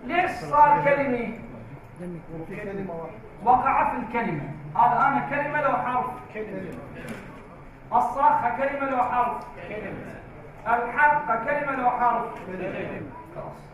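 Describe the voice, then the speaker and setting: A man teaching a tajweed class in a classroom, slow and drawn-out, repeating key words for the class. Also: very high voice, crowd noise. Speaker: Quran recitation teacher. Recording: very echoey, distant, tinny phone-like sound.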